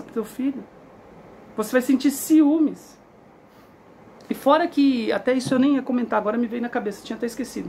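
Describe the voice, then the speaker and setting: Earnest Brazilian man, gravelly voice. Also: sits high, a little hiss or hum. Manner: emphatic, earnest, frequent tag questions. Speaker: father sharing his story. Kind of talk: casual spoken testimony to camera.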